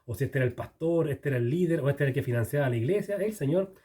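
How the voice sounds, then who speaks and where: A preacher with a slightly high, dark-toned voice races through an animated verse-by-verse Bible teaching. He talks with the listeners, asks them questions, and keeps correcting himself along the way.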